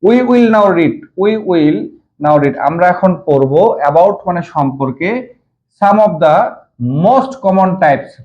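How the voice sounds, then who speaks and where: A man's voice: high voice, a little mellow, lo-fi sound. A man from Bangladesh teaching an English lesson in Bengali, explaining the text word by word, repeating meanings and asking his students questions.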